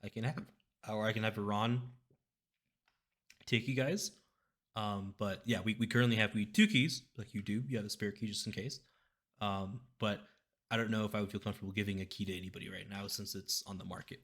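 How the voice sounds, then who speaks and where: A man's voice: lowish voice, steady tone, a little fast, fairly bright tone. A man narrating a tabletop game as game master in a loose, informal way. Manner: informal, says y'all and like.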